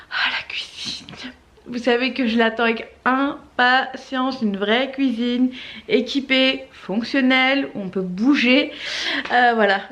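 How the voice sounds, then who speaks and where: A woman's voice: a little high, muffled recording. A woman vlogging in casual chat, with a slight lisp from the retainer in her mouth. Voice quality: lisp from wearing a dental retainer. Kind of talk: casual vlog chat to camera.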